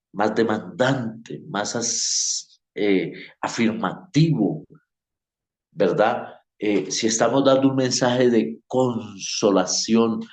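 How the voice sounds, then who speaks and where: Slow, low-voiced church teacher, roomy echo. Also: male voice, darkish tone. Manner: slow, conversational, many filler pauses. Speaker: homiletics teacher.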